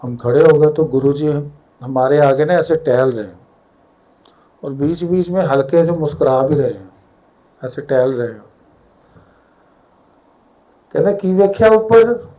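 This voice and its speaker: A man's voice: mid-range voice, measured pace, pauses often, warm tone, poor audio. An older man with a Punjabi accent tells a story at a satsang, vividly acting out the dialogue. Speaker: devotee sharing a satsang story.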